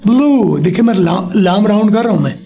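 A man teaching a spoken language lesson, slowly modeling words and having a pupil repeat them back after him. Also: high-pitched, vocal fry, warm tone. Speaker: English teacher.

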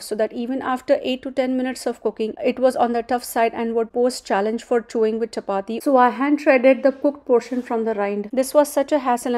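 A woman with a slightly high voice narrates a home cooking video in a calm, steady voice-over. She walks through each step plainly, like a practiced vlogger. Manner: calm, steady instructional delivery.

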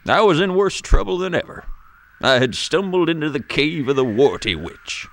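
A man's voice: on the high side, very animated, normal speed. A man playing an old grandfather who tells a spooky tale to a grandchild in a playful, dramatic way. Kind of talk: storybook read-aloud.

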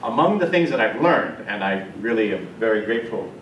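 A man, a course professor giving a measured, explanatory introduction to a class, with some fillers. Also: fairly low pitch, very animated. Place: university classroom with students. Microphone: far camera. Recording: echoey classroom, distant camera mic, faint noise.

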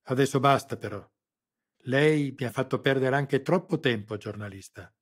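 A man's voice: mid-range voice, moderate pace, a little mellow, slightly rough, close to an everyday voice. A man voicing a cruel military colonel who gives cold, sneering orders. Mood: cold, mocking. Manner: cold, commanding, mocking.

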